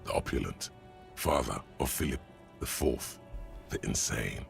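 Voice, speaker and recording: Omniscient video game narrator, extremely deep, gravelly, portentous, literary, measured. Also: male voice, animated, soft background music, heavily acted. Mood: solemn, measured. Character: omniscient inner-voice narrator, solemn, erudite, darkly poetic man.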